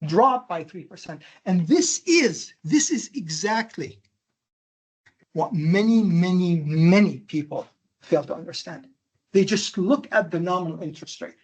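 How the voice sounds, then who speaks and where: A man from Jordan with a Jordanian accent giving a classroom lecture, animated and emphatic, firing questions at his students. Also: high-pitched, measured pace, slightly rough. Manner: animated, emphatic, quizzing the audience with rhetorical questions. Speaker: university lecturer.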